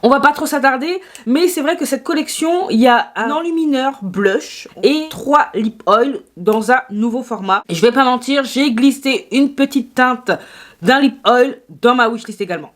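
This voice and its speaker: A woman's voice: high voice, normal speed. A woman chatting through a makeup haul video, playful and self-mocking, talking straight to her viewers. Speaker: beauty YouTuber.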